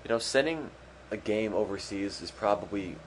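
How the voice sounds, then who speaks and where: A man's voice: fairly low pitch, animated, normal speed, slight background noise, rough recording. A man hosting a charity game stream, giving dry, sarcastic commentary while playing, over game music. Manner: dry, sarcastic, self-deprecating. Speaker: stream host and game player. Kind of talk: let's play commentary.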